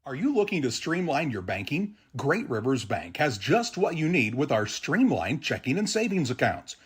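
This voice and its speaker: Very husky man reading a commercial. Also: mid-range voice, sing-song, normal speed. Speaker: advertising voice. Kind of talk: scripted commercial read.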